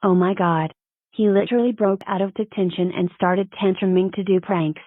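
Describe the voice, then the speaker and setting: A woman's voice: mid-range voice, fairly even intonation, normal speed, no echo, phone-quality sound, lightly acted. A synthetic-sounding woman voicing a stern, matter-of-fact cartoon schoolteacher with formal delivery. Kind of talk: scripted cartoon dialogue.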